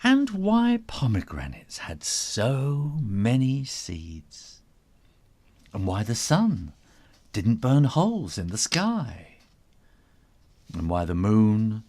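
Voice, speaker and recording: With a fairly low, slightly mellow voice, a man reads a children's storybook dramatically, his pitch swinging hugely, his words drawn out, and his pauses frequent. He builds suspense with stretched words and whispers while playing with sound words and repetition.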